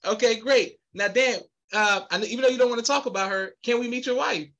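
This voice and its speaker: A man hosts a casual podcast interview over a video call from a home room with a poster wall, upbeat and polite and often saying "yes sir." His voice is very high and a bit bright, and he talks quickly.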